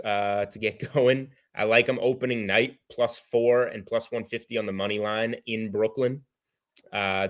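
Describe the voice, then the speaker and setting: An American man giving sports betting analysis as a guest in casual chat, thinking aloud as he goes. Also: lowish voice.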